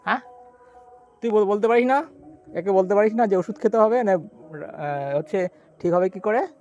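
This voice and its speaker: A man's voice: high voice, moderate pace, darkish tone, dull audio. A man with a Kolkata Bengali accent chatting casually in a family vlog, coaxing and teasing animals. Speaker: vlogger.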